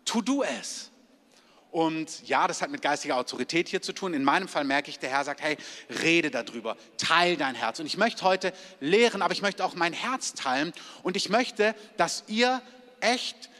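A man's voice: fairly high pitch, normal speed, a bit bright. A male pastor giving a chatty, confiding sermon, acting out quoted prayers and dialogue to a congregation. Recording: long hall reverb.

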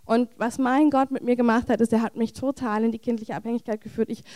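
A woman's voice: a little high, fairly even intonation, fast talker, warm tone, no echo. A woman preaching a heartfelt charismatic sermon in a church, with earnest, repetitive phrasing.

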